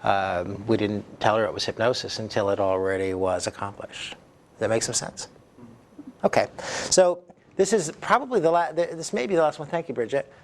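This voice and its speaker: A man working as an instructor, explaining casually in a halting, self-interrupting, informal way. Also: lowish voice, lively intonation. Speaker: hypnosis instructor. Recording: clear background noise.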